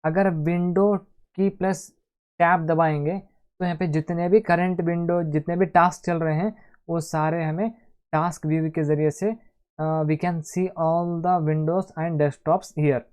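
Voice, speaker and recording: A man's voice: fairly high pitch, flat delivery, slow, darkish tone. A man hosting a casual screen-recorded computer tutorial, chatting to viewers as friends and talking through each step aloud. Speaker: tech tutorial host.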